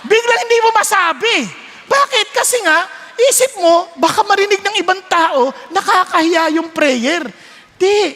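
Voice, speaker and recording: A very high-pitched man preaches a sermon, telling stories, switching lively between Tagalog and English and acting out voices. The recording carries a long hall reverb.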